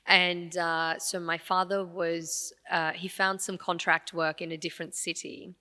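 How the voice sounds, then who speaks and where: Bright-voiced woman telling her story. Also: fairly low pitch, measured pace, in a large hall. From Afghanistan. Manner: warm, animated storytelling with frequent fillers. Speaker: podcast guest, radio presenter. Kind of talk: storytelling in a casual interview.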